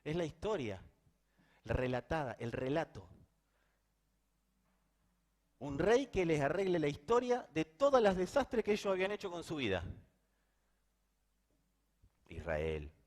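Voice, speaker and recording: A middle-aged man with a Rioplatense Spanish accent preaching a sermon, dropping to hushed intensity and then rising to loud emphasis. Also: on the high side, wildly swooping pitch, normal speed, pauses often. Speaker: pastor.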